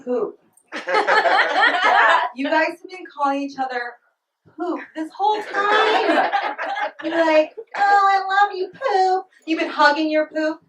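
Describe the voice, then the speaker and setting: A woman's voice: very high voice, expressive, slow pace, long pauses, fairly bright tone, slight background noise. Giggly young woman doing stand-up. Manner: giggly, breaks into laughter mid-line. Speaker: stand-up comedian. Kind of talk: stand-up comedy set. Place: small comedy club stage. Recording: roomy club sound from a distant mic.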